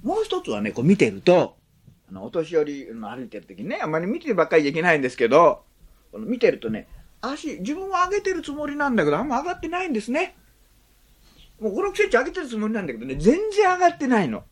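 Pastor, male, conversational sermon; breathy husky tone, wildly animated pitch. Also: fast talker. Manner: chatty, asks the congregation questions, adds "ne" often.

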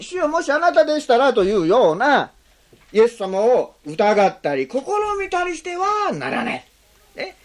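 A pastor preaching a sermon, asking the congregation questions and adding frequent tag words between phrases. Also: medium pitch. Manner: slows on key phrases, speeds up when explaining.

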